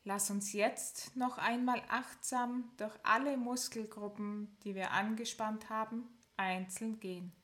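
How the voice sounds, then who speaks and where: Speaking in a slightly high voice, a woman guides a progressive muscle relaxation, offering calm instructions one step at a time and counting down slowly with long pauses.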